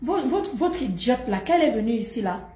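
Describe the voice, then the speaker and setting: A woman's voice: a little high, very animated, fairly quick, mellow. A middle-aged woman streaming live, delivering an emphatic, repetitive gossip monologue and laughing often. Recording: roomy echo.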